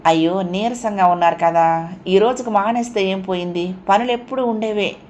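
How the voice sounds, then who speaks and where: A woman voicing a caring young wife who speaks mildly and gently in a storybook reading. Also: mid-range voice, moderate pace, highs cut off, slight background noise, natural voice. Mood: gentle concern. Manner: mild, gentle.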